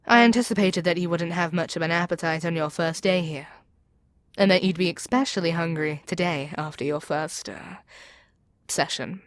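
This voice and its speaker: Acting in an ASMR audio roleplay, a woman voices a proud, seductive demon queen, commanding and taunting her captive with theatrical persuasion suited to intimate audio drama. Her somewhat low voice is very dry, free of room sound, at normal speed and close to her everyday voice.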